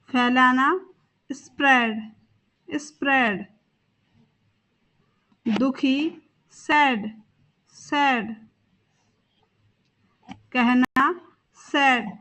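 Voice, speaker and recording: A woman's voice: sits high, bright, forceful tone. A young woman teaching a vocabulary lesson. She says each word twice and spells words out letter by letter. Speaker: English teacher.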